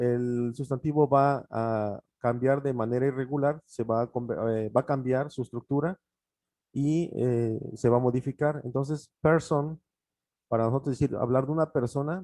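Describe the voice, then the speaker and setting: A man whose first language is Spanish, teaching an online English grammar lesson, explaining step by step and repeating examples, often pausing with fillers. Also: mid-range voice, warm tone, no room sound.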